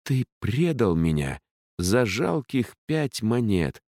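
A fierce, scornful young summoner woman, as a male narrator puts her on, her voice pushed well above his own and swinging widely in pitch. She scolds and commands in sharp bursts, recorded close and dry. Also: sing-song, slow pace, no echo, heavily acted. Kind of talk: audiobook character voice.

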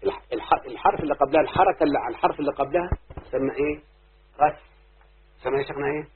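A man's voice: a little high, racing, slight background noise. A man with an Egyptian accent teaching a classroom lesson as a sheikh, stopping often to quiz his students. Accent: Egyptian Arabic. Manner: keeps quizzing students with repeated questions. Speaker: sheikh teaching Arabic rhyme. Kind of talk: classroom lecture. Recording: very tinny lo-fi recording.

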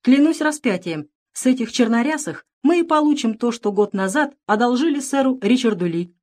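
A woman reading a storybook, voicing a big, brash male outlaw who mocks and threatens loudly. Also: fairly high pitch, animated, normal speed, voice pushed up. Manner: sneering, loud.

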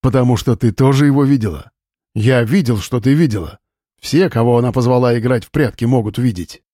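A man voicing a grown village simpleton with a slow, singsong, childlike way of talking in an audiobook. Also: mid-range voice, mellow, no room sound, clean studio sound, natural voice. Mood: eerie.

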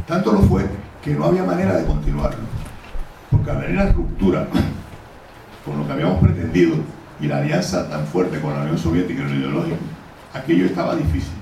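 A man's voice: low voice, animated, fairly quick, warm tone. An older man with a Cuban Caribbean Spanish accent, giving an informal, digressive extemporaneous lecture as an academic speaker. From Cuba. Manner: frequent throat-clearing, digressive. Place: indoor conference room, recorded from afar. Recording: very echoey noisy room, distant mic.

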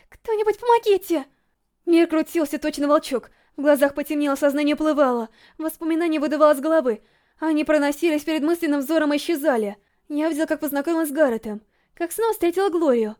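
Reading a first-person novel aloud, this audiobook narrator tells the story with drama and strong emotional expression. Her voice sits high.

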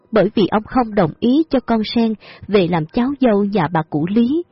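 A woman narrating a story in a calm, measured way, in a dull lo-fi recording with faint music behind. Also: a little high, husky, no echo.

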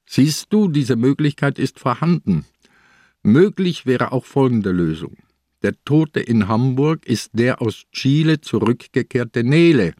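An actor playing a calm, shrewd aging police inspector in a radio play, reasoning aloud in a measured way. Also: male voice, medium pitch, no room sound, studio quality. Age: older.

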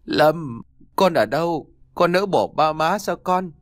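A man voicing a grieving young village mother who pleads and sobs in a raised, hurried voice, for an audiobook. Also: very animated, dry recording, studio quality. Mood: wailing grief. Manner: sobbing, pleading, quick and high. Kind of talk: audiobook character voice.

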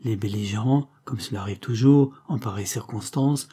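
A man narrating a novel as an audiobook in a measured, steady reading. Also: fairly low pitch, breathy edge.

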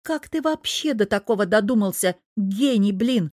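A woman voicing a fiery, affectionate young pregnant wife in an audiobook, with a lively, quick-tempered manner. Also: a little high, dry recording, clean studio sound, voice pushed up, lightly acted. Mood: furious. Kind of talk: audiobook character voice.

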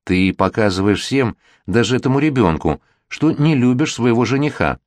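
A man's voice: medium pitch, animated, normal speed, darkish tone, no echo, pitched above the performer's own voice, natural voice. A man voicing a firm, worldly middle-aged father who lectures his daughter, in a read-aloud storybook. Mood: stern.

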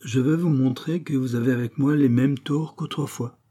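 A man's voice: mid-range voice, steady tone, moderate pace, warm tone, pitched above the performer's own voice, lightly acted. A man reading a novel aloud, voicing a cheeky young man who talks with mocking, pompous grandeur. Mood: declaiming.

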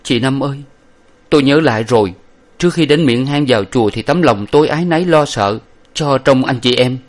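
A man's voice: medium pitch, brisk, voice pushed up, natural voice. A man voicing a loyal young male hero who weeps and laments solemnly. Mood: lamenting.

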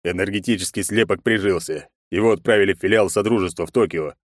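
A man narrating an audiobook in a steady, measured reading. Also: sits low, dry recording, studio quality. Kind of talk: scripted narration.

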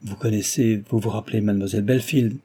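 A man voicing an anxious, scrupulous young woman in an audiobook, with a dark, husky voice. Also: fairly low pitch, steady tone, fast talker. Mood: earnest.

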